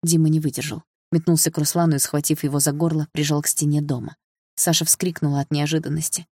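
Brief: female first-person audiobook narrator, low pitch, dry sound. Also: little pitch movement, fast talker, darkish tone, no echo.

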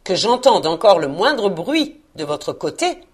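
A woman doing a gruff, miserly old man. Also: fairly low pitch, very animated, unhurried, exaggerated voice. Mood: curt. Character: stern, miserly old man, curt and grumbling.

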